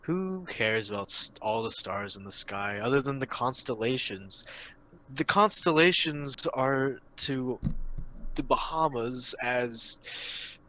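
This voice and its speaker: Slow, hesitant young male co-host. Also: mid-range voice, expressive, pushed and bright, a little hiss or hum, rough recording. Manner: slow, hesitant, full of fillers, dry jokes. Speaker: podcast co-host. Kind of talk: casual podcast chat.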